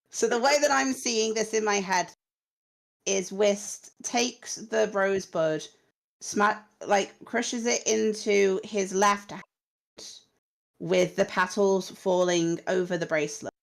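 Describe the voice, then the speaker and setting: A woman running a tabletop game as game master, narrating the scene in a halting way with fillers and restarts. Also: medium pitch, vocal fry, poor audio.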